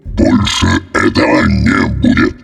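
A cruel, boastful ogre with a bottomless, gravelly rumble. He drags out every word slowly and menacingly. The voice sits far back from the mic, over faint music. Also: expressive, exaggerated voice. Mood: resentful. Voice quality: very deep, gravelly growl. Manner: slow, drawn-out, threatening delivery. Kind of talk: audiobook character voice.

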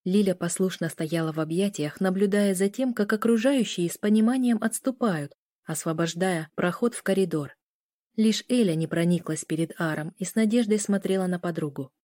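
Mellow woman narrating an audiobook. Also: lowish voice, moderate pace, dry recording, clean studio sound.

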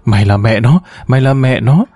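A man's voice: mid-range voice, animated, a little fast, dark tone, no room sound, clean studio sound, close to an everyday voice. A man reading a story, voicing a frail, delirious old woman teacher who mumbles.

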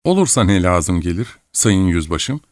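A man's voice: deep voice, very animated, moderate pace, no room sound, clean studio sound. A man voicing a playful, mocking young princess in an audiobook reading. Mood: coquettish. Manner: mocking, coquettish.

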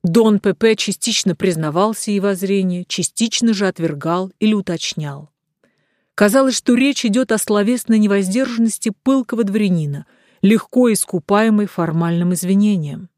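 A woman narrating an audiobook in a measured, steady reading. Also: mid-range voice, no echo, studio quality.

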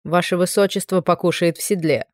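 A woman's voice: fairly low pitch, steady tone, a little fast, no room sound, studio quality, close to an everyday voice. A woman doing a cold, steely royal envoy. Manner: cold, clipped commands.

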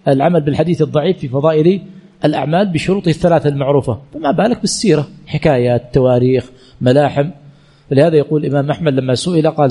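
A sheikh teaching Islamic jurisprudence rattles off answers to listeners' questions in a religious lesson, his voice fairly high, mellow and husky. He reads each question aloud first, then replies colloquially, repeating himself a lot and self-correcting.

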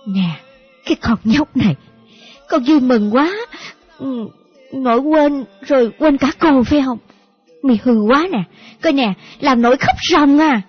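A woman's voice: fairly high pitch, expressive, normal speed, husky. A woman voicing an emotional middle-aged aunt, scolding with affection. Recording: dull lo-fi audio with faint music.

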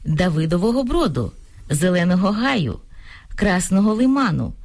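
A woman co-presenting a scripted radio talk on grammar, reading out examples in a clear, deliberate way. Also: fairly low pitch, big pitch swings, darkish tone. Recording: radio studio broadcast.

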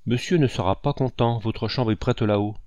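A man's voice: medium pitch, moderate pace, darkish tone, no echo, lo-fi sound, natural voice. A man reading an audiobook and voicing a deferential young housemaid.

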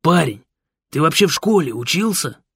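Brash slangy biker voiced by a male narrator, raised pitch, dry close sound. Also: big pitch swings, moderate pace, fairly bright tone, slightly rough, dry recording, exaggerated voice. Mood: boisterous. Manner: slangy, bossy and boisterous. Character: brash loud male biker designer Fred, pushy, jovial. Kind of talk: audiobook character voice.

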